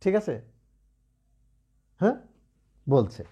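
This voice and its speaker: A man's voice: high voice, sing-song, slow pace, warm tone, husky. A man teaching Bengali pronunciation rules in an online lesson, patiently checking in with students as he explains. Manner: patient, asks students rhetorical checks often.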